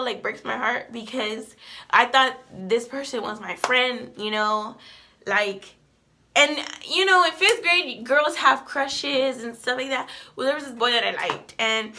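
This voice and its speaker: A woman in her twenties telling a personal story to the camera in a halting, emotional, rambling way. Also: on the high side, bright, forceful tone, slight background noise. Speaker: vlogger.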